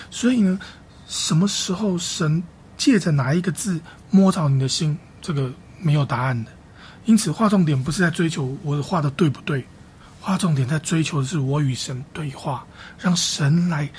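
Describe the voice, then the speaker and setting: A man preaching a sermon as a pastor, teaching Bible reading with slow, repeated, emphatic phrases. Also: fairly high pitch, darkish tone, slight background noise.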